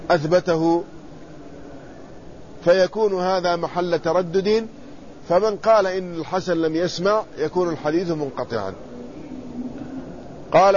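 High-voiced man explaining a hadith text. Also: a little mellow. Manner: reads quoted text then explains it plainly, pausing to ask and answer himself. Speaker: Islamic scholar teaching hadith. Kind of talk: explanatory lesson reading and commenting on a text. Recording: slightly muffled recording with faint background noise.

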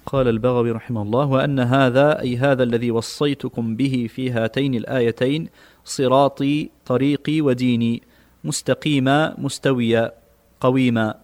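A man reads classical texts aloud for a study session. His delivery is formal and measured, and he keeps a steady pace through long passages. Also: mid-range voice. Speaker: student reading texts aloud.

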